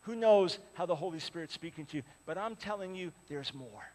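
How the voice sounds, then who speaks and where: Animated and brisk, this man in his sixties preaches with a high-pitched voice for his sex, shifting from ringing, loud appeals down to quiet pleading. The large church hall around him carries a lingering echo.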